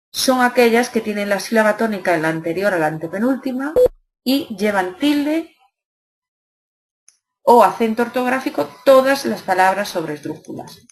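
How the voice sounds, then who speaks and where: Methodical Spanish teacher woman. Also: mid-range voice. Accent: Spanish from Spain. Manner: steady, methodical, with frequent hesitations. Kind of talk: exam review lesson.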